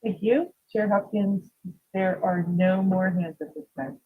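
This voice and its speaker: A woman's voice: mid-range voice, fairly even intonation, breathy edge. Woman clerk over a degraded, muffled stream. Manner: brisk, formulaic, businesslike. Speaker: meeting clerk calling public commenters. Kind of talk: reading procedural announcements. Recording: muffled, phone-like lo-fi stream audio.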